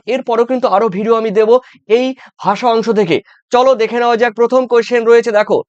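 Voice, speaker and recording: A man's voice: very high voice, smooth, no echo. A man teaching an exam-prep lesson, repeating answers and often checking that students follow. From West Bengal. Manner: repetitive, coaxing with frequent check-ins and fillers. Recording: dull, dry lo-fi sound.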